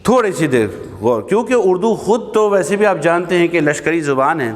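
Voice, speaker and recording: A man's voice: on the high side, expressive. Lecturing man in a reverberant mosque hall. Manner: conversational, asks rhetorical questions and checks in with listeners. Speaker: Arabic grammar teacher. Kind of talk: classroom lecture.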